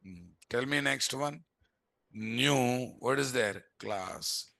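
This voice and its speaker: A slow, creaky voice of medium pitch, pushed and bright, comes through in a dry recording. The speaker is a programming instructor with an Indian accent giving a live coding lesson indoors at a computer, frequently posing rhetorical questions built around a repeated "what."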